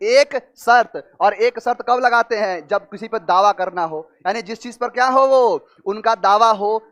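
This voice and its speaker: A man teaching exam vocabulary with memory tricks, asking rhetorical questions and drawing out key words slowly. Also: high-pitched, a bit bright.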